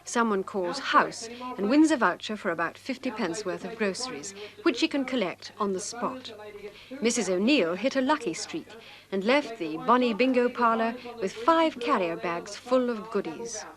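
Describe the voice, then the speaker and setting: A woman's voice: fairly high pitch, animated, normal speed, crowd noise. A woman reporter reading a scripted narration.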